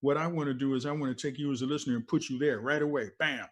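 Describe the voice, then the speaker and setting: An older American man, a former radio DJ appearing as an interview guest, speaks very fast in a mid-range voice with fairly even intonation. He tells stories casually, emphatic and explanatory, and often drifts off on tangents.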